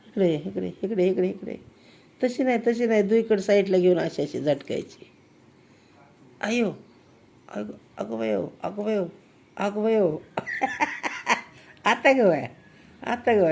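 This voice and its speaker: A woman chats and coaxes while holding her phone to film. Her middle-pitched voice keeps breaking into teasing exclamations. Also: a little mellow. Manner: coaxing, teasing, exclaiming often. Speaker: vlogger filming a child. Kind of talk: casual home video chat. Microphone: handheld phone.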